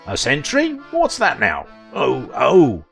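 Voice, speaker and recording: A man voicing a kind hundred-year-old man who is hard of hearing and talks loudly. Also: medium pitch, wildly swooping pitch, moderate pace, soft background music, pitched above the performer's own voice. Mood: confused. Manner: loud, startled, confused.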